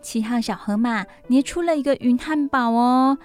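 A woman's voice: fairly high pitch, moderate pace, darkish tone. A woman hosting a children's radio show, reading a bedtime story aloud as if to a toddler, with simple exclamations and repeated phrases. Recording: music playing behind the voice. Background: music.

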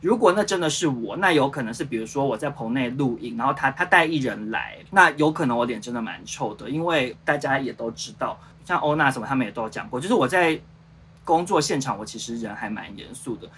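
Talking fast in a medium-pitched voice, a Taiwanese-accented Mandarin speaker in his thirties, a show producer and host, spins a casual livestream story. He animatedly performs the dialogue and rambles, filling it with fillers. Slight background noise is present.

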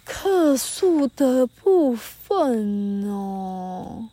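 Her voice fairly high and warm with big pitch swings, a northern Taiwanese woman in her thirties speaks very slowly with no echo. As a solo podcast host at a mountain campfire, she chats in Taiwanese-accented Mandarin, sharing anecdotes, quoting people, and laughing often.

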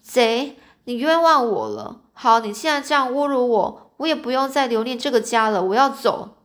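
A woman's voice: on the high side, expressive, fairly quick, lightly acted. A woman reading a storybook aloud, voicing a defensive young man who denies a theft and defies his father. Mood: defiant. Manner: defensive, pleading then defiant. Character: young man, sullen accused son.

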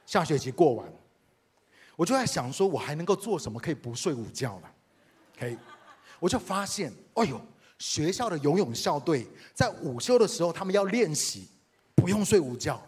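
A man's voice: a little high, moderate pace, slightly rough. A man from Taiwan with a Taiwanese Mandarin accent, a pastor telling a personal story in a sermon and speaking directly to the congregation. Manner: animated, addresses the congregation directly.

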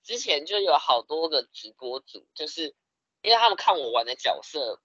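A young man, telling stories in a casual podcast chat, animated and laughing often. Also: fairly high pitch, normal speed, no echo, muffled recording. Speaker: podcast co-host.

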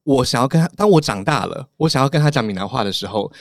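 A man co-hosting a podcast, chatty and agreeable, with many quick interjections. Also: mid-range voice, expressive, no room sound, studio quality. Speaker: podcast co-host. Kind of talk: casual podcast chat.

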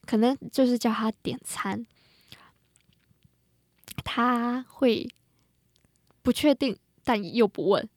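A young adult woman with a Taiwanese Mandarin accent, chatting casually and telling things in an animated, colloquial way. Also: a little high, slow, pauses often, no room sound, studio quality. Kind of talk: casual chat.

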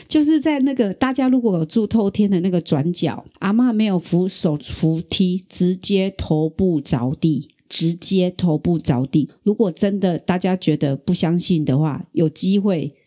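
A middle-aged woman from Taiwan hosting a podcast, telling a personal story in a lively, chatty way. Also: lowish voice, normal speed, hardly any pauses. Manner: animated storyteller, acts out quoted voices. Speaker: podcast host. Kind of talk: casual storytelling.

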